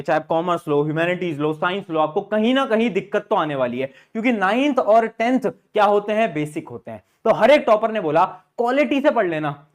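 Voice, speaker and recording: Man, young adult, high-pitched, motivational study talk, asks and answers his own questions. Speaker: study guidance youtuber. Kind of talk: motivational study advice to students.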